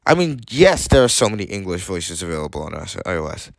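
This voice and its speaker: A man's voice: low-pitched, sing-song, fast, creaky, dry recording, clean studio sound. A man talking casually as he demonstrates phone features, often exasperated and repeating himself. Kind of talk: casual spoken screen-reader demo.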